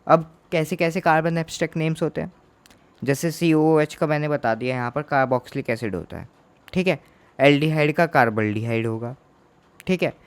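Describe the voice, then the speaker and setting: A man teaching a chemistry lesson in Hindi, asking questions and answering them himself, repeating each term to drill it in. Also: on the high side. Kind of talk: Hindi classroom lecture.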